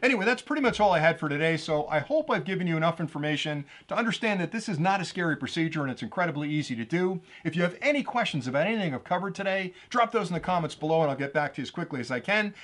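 A man's voice: a little high, fairly bright tone. A man hosting a hands-on tutorial, chatty and playful as he explains each step. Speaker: drone channel host.

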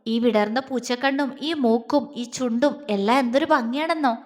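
A woman voicing a tender young husband who speaks softly, stammering and halting. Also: on the high side, big-room sound, lightly acted. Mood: trembling tender.

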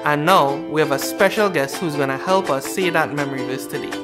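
A man's voice: fairly high pitch, fairly quick. Young man hosting a Sunday school show. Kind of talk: children's lesson hosting and prayer. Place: studio with green screen. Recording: music playing underneath.

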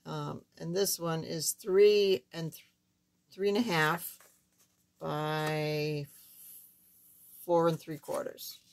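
Craft tutorial host: older woman, lowish pitch, thin squeaky voice with some hoarseness, casual and halting. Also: fairly even intonation. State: hoarse while recovering from surgery. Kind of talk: casual card-making demonstration. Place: indoors at a wooden craft table, camera overhead.

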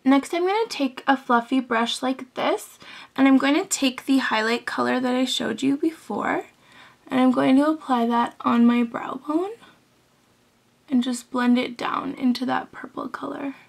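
A makeup tutorial host, a young woman, explains a beauty look step by step in a chatty, instructive way at a measured pace, sprinkling in "um"s. Her high, gravelly voice is hoarse from illness as she loses her voice, and she sounds close to a camera mic in a small bedroom.

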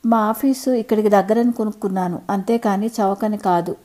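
A woman's voice: medium pitch, fairly even intonation, fairly quick, dark tone, natural voice. Storybook husband in his late fifties, fond and easygoing, read by a woman narrator.

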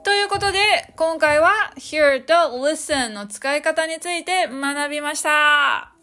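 High-voiced woman teaching English. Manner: cheerful, explains slowly, models English phrases slowly. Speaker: podcast host teaching English. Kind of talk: solo podcast English lesson. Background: soft background music.

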